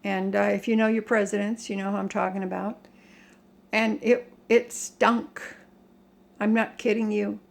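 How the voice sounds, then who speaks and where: An older American woman giving a casual rant to viewers in a halting, emphatic, plain-spoken way. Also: medium pitch, little pitch movement, creaky. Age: older, 60s or above. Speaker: home vlogger. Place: home kitchen.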